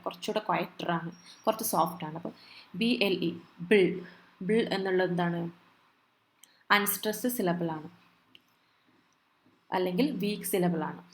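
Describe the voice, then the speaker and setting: A woman tutor reading notes slowly, then explaining them in Malayalam with many fillers and restarts. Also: on the low side. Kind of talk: exam-prep lecture.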